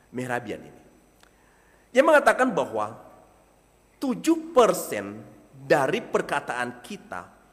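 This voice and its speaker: A man preaching a sermon to a congregation, animated, swinging from soft asides to loud emphasis. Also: mid-range voice, big-room sound.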